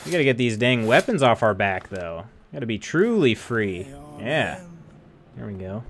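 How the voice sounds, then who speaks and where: A man's voice: lowish voice, sing-song, moderate pace, a little hiss or hum. A man casually commenting while playing a game on stream, in a laid-back, chuckling manner.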